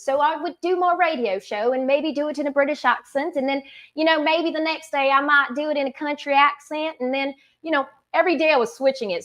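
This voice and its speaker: A woman from the United States, a former military broadcast journalist, telling her life story as a guest on a live panel show and acting out the things people said to her. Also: sits high. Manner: animated storyteller who acts out quoted remarks.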